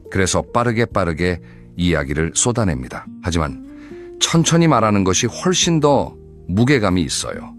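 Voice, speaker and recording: Calm low-voiced man giving advice. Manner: calm, measured, instructive. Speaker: narrator of advice talk for seniors. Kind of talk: scripted advice narration.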